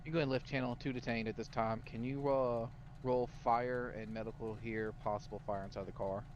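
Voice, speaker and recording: A man's voice: medium pitch, fairly even intonation, brisk, dull audio. Man on noisy police radio. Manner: clipped, urgent radio codes. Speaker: patrol officer in a roleplay.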